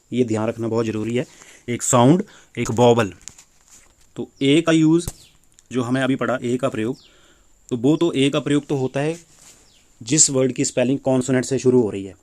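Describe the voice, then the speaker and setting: A man's voice: mid-range voice, steady tone, moderate pace, pauses often, a little mellow. A man teaching a grammar lesson, patiently explaining and repeating points with rhetorical questions.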